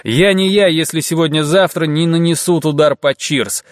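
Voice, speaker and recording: A loud, jolly rogue of a driver who clearly loves the wheel and a rough word, as a male audiobook reader puts him on. His voice rides well above the narration, brash and folksy, and the recording is dry and close. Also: on the high side, moderate pace, no room sound, voice pushed up, natural voice. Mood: cheerful. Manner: slangy, cheerful, boastful.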